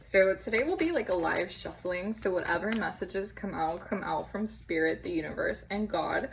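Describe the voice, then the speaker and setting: A woman's voice: fairly low pitch, lively intonation, normal speed, gravelly, a little hiss or hum, poor audio. A young woman giving a casual tarot reading to camera, chatty and empathetic, with many fillers and small laughs. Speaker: tarot reader. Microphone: camera on tripod.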